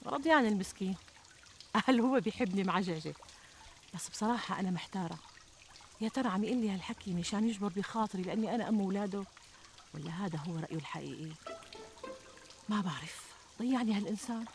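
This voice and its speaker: An actress playing a plump, middle-aged Syrian housewife who complains expressively and plaintively in a TV comedy. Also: female voice, mid-range voice, quick pace, pauses often, natural voice. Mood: fretful. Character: plump, fretful, self-deprecating housewife and mother. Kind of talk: conversational TV comedy sketch acting. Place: outdoors in a garden. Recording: outdoor ambience, trickling water noise.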